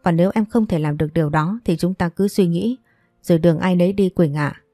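A woman's voice: fairly low pitch, brisk, warm tone, no room sound, soft background music, close to an everyday voice. A woman voicing a stern husband who scolds curtly and reproachfully. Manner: curt, reproachful.

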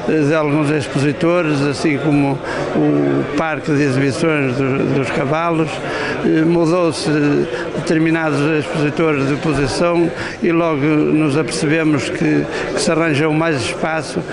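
A man's voice: on the high side, flat delivery, unhurried, gravelly, over a noisy crowd. A man in his sixties, a local official interviewed with a handheld mic, hesitant with many fillers. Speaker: parish council president at the fair. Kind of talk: on-the-spot news interview. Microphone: handheld reporter mic.

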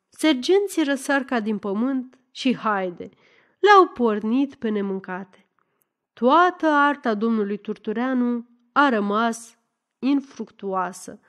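Audiobook narrator, woman, fairly high voice, expressive storytelling read. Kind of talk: scripted narration.

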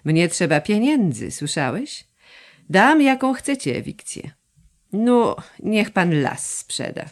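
A woman's voice: mid-range voice, very animated, slow, voice pushed up. Woman doing a wheedling, greedy moneylender man. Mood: scheming. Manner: bargaining, insistent.

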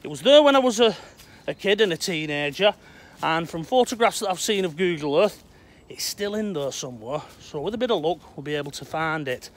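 A man's voice: on the high side, animated, a little fast. A middle-aged man with a Lancashire accent, chatting to viewers while walking through outdoor woodland, filmed on a handheld phone. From England. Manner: chatty, addresses viewers as "Hot Potters". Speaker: vlogger exploring old railway sites. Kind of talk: walking outdoor vlog to camera. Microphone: phone camera held at arm's length.

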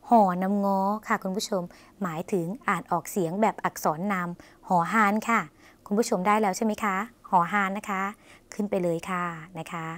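Woman teacher, patient step-by-step writing lesson, coaxing, talks to viewers, mid-pitched. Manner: coaxing, addresses viewers often. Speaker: language teacher and host.

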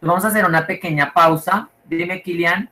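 Man, teacher, fairly high voice, relaxed casual classroom talk. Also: moderate pace, rough recording. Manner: relaxed, fillers like "pues" and "¿listo?".

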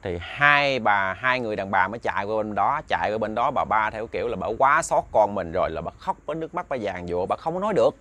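A man's voice: fairly low pitch, lively intonation, quick pace, hardly any pauses, sharp tone. A man retelling a ghost story in a loose, conversational way, full of fillers and repeated words.

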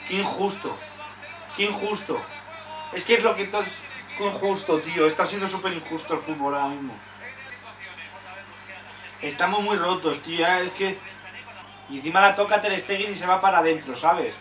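Young spanish guy doing a live match reaction, high voice, swears a lot, roomy echo. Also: moderate pace, long pauses, distant mic, music in the background. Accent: Spanish from Spain. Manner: frustrated, swears often, shouts at big chances. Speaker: football fan reacting live.

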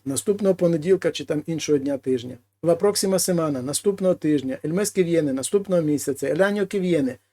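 A man teaching a language lesson: he reads each example phrase, then translates it slowly and explains it. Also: on the high side, warm tone. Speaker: Spanish teacher.

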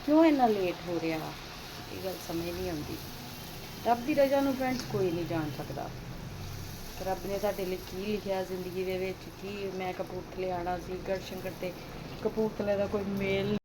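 A woman with a Punjabi accent chats to her viewers in a home vlog. Her voice sits at a middle pitch and her talk is casual, full of questions to the audience. Clear household noise runs behind her. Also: normal speed. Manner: chatty, addresses viewers with rhetorical questions. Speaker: home vlogger. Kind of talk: casual chat to viewers while doing housework. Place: at home, partly in a kitchen while cooking. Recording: noisy home recording with household ambience.

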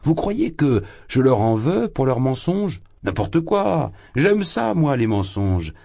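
A man reading an audiobook voices a drunk, exalted young man who rants loudly, his voice leaping high and then sinking. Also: expressive, a little slow, slightly rough, heavily acted. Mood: exclaiming. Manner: loud, impassioned, rambling, swings high. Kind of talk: audiobook character voice.

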